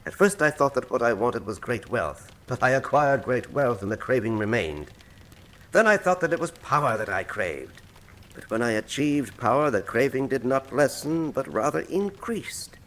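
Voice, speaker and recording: Grandiose villain professor, radio play, super animated, theatrical and full of himself. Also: male voice, mid-range voice, low-quality recording. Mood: grandiose confession. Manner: pompous, theatrical, eloquent, deliberate monologuing. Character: suave, grandiose male criminal mastermind professor, coolly menacing. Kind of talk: radio drama acting.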